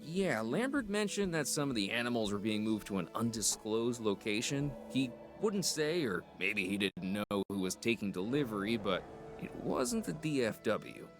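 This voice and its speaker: A man's voice: lowish voice, very animated, normal speed, over music. An actor voicing a laid-back, teasing man who works with dinosaurs, in video game dialogue. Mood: wry.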